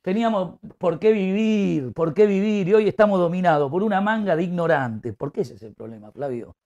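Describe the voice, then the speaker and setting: A man with a Rioplatense Argentine accent delivers a comic rant in a high, lively voice that leaps up and down. He talks like an outraged football fan, loud and over the top. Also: a little fast, highs cut off. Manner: loud ranting football fan, animated and exaggerated. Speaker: comic talk show host.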